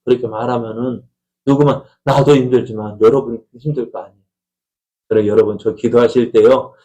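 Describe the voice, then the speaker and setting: A man's voice: medium pitch, steady tone, brisk, dark tone, muffled recording. A middle-aged man, a pastor, preaching a conversational Sunday sermon in a church, asking the congregation questions and acting out family quarrels. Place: church sanctuary.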